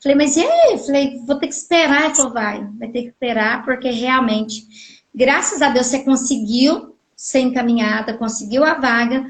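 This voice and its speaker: Woman from Goiás, middle-aged, high-pitched, animated storyteller, roomy live-stream sound. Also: moderate pace. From Goiás, Brazil. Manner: animated, acts out quoted dialogue. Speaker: guest telling her story. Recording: echoey room audio from a live stream.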